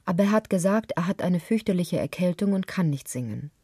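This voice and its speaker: A woman's voice: fairly low pitch, expressive, brisk, mellow, slightly rough, no room sound, studio quality. A woman reading the lines of a young woman guest who lightly complains about a man. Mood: teasing.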